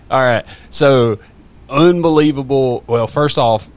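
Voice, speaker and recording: A man chatting casually on a podcast, rambling with many fillers and restarts. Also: mid-range voice. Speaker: podcast guest. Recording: faint background noise.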